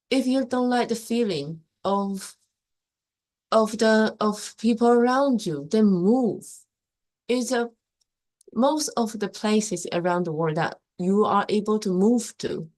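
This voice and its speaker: A young woman raised in Taiwan hosts a casual live stream, voicing her opinions emphatically in loose English full of restarts. Her voice is a little high.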